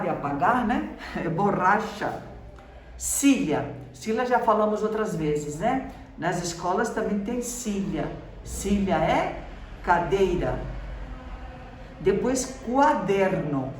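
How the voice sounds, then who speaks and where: Speaking slowly and expressively in a mid-range voice, this Brazilian teacher with a Brazilian Portuguese accent explains every word patiently and checks with the class after each point. The recording is roomy and echoey, her voice far away with faint background noise.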